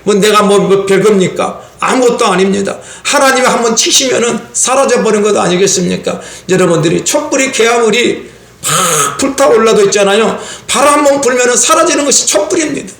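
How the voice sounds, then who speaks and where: A male pastor delivering an impassioned Sunday sermon in a church sanctuary, his voice climbing at times into fervent shouting. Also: high voice, fairly quick, reverberant. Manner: impassioned preaching, rising to shouts.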